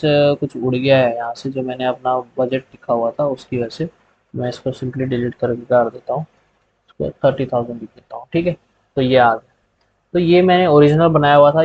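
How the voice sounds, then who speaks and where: A man walking viewers through a spreadsheet tutorial step by step in a relaxed way, often pausing to say "okay". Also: mid-range voice. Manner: relaxed step-by-step explaining, repeating "theek hai" often. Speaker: tutorial host. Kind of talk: screen-recorded software tutorial. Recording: slightly dull lo-fi sound.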